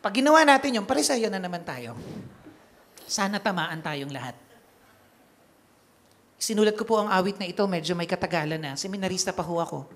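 A man's voice: high-pitched, brisk, long pauses. A middle-aged male priest and songwriter preaching at a concert recollection, telling a story earnestly with self-deprecating humor.

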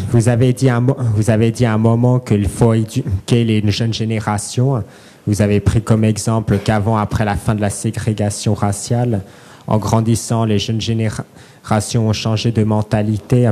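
A man's voice: fairly low pitch, mellow. A man in an audience putting a spontaneous question at a conference, hesitant and rephrasing as he goes. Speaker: audience member asking a question.

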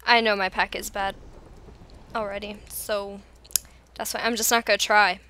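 A woman hosting a casual gaming chat, exasperated and teasing, with sudden loud outbursts. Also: medium pitch, flat delivery, normal speed. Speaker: channel host.

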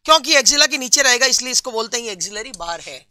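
A man teaches a live online class for students preparing for a nursing exam, reading viewers' answers aloud, calling them friends, and slowly repeating key terms. His very high voice is lively, pushed, and bright. Slight background noise is present.

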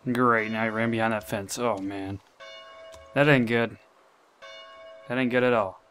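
A young man commenting live on his gameplay, talking to himself and getting excited. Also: on the low side, unhurried. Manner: excitable, talks to himself, swears and laughs.

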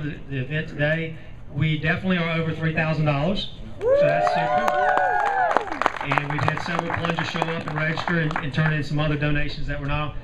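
A middle-aged man hosting a live outdoor event, speaking off the cuff with teasing, jovial banter into a PA microphone. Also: a little high. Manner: jovial, teasing crowd-working. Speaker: event host, announcer. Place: outdoors in a parking lot by a pool. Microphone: handheld PA microphone, picked up by a distant camera. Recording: distant lo-fi PA sound, crowd noise. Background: loud crowd.

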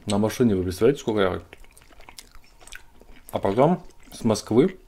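A man's voice: fairly low pitch, sing-song, normal speed, warm tone, slightly rough. A man in casual chat, talking while chewing food and rambling with fillers. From Russia's Far East. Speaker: mukbang co-host.

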